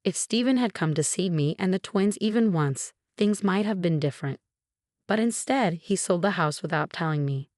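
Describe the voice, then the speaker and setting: A woman reading a first-person story aloud in a steady, even storytelling manner. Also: on the low side, normal speed, dry recording, clean studio sound. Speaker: story narrator. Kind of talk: scripted first-person narration.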